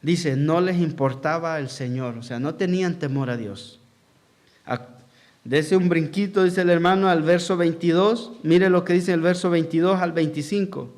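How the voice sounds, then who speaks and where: A man's voice: a little high, moderate pace, a little mellow. A man preaching as pastor in a church hall, asking the congregation questions and acting out quotes in a sermon.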